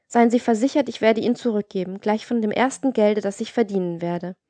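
Woman reading a desperate honest young girl in a storybook, begging softly, dry close sound. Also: mid-range voice, brisk, no room sound, natural voice. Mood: pleading. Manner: pleading. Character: poor virtuous young woman, pleading and proud. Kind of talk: audiobook reading.

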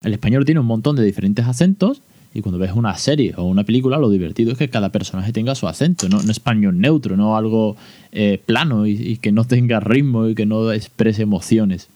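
Man, podcast host, low mellow voice, ironic and chatty, close dry mic. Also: a little fast, dry recording. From Spain. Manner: ironic, chatty, many fillers. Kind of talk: casual solo podcast talk.

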